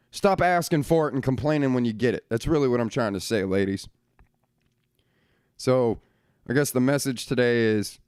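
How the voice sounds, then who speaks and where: A man's voice: medium pitch, darkish tone, smooth, no echo, clean studio sound. A young man hosting a casual solo podcast from his bedroom, talking bluntly and swearing often as he rants. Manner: blunt, profane and ranting. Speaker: podcast host.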